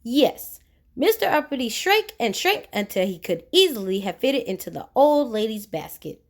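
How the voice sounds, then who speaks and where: Reading a children's storybook aloud, this woman speaks in a slightly high, sing-song voice at a moderate pace. Her narration is expressive and animated, and she poses questions to the young audience.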